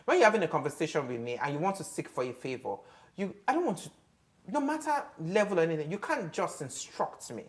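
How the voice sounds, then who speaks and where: A woman argues her views on a television talk panel. Her voice sits low, but her pitch swings widely when she acts out quoted speech. She is emphatic and opinionated throughout. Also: big pitch swings, fast talker. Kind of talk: studio discussion.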